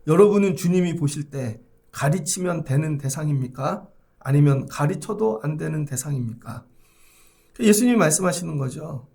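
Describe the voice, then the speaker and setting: A man's voice: fairly high pitch, lively intonation, moderate pace, vocal fry, dark tone. A male pastor preaching an early-morning sermon, posing rhetorical questions to the congregation and acting out prayers as he goes. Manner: acts out prayers and quoted speech in his preaching.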